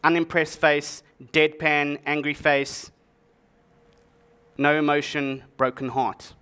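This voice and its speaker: A man's voice: a little high, slow pace, clean tone. Joking man at a conference. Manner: joking, lively presenter. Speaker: conference speaker. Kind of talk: humorous tech conference talk.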